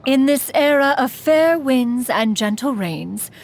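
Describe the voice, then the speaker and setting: A woman's voice: high-pitched, animated, slow, slight background noise, exaggerated voice. A woman voicing a haughty, eccentric female immortal crane spirit and inventor in a video game, speaking formally and calling herself "one". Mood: lofty. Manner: formal, archaic speech, calls herself "one"; haughty yet teasing. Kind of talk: video game character voice lines.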